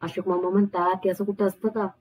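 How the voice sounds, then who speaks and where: Female narrator recaps a serial in an even tone, close dry mic. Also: mid-range voice, fast, breathy edge, dry recording, low-quality recording. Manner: even, steady retelling, reads characters' lines without distinct voices. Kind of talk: storytelling recap with quoted dialogue.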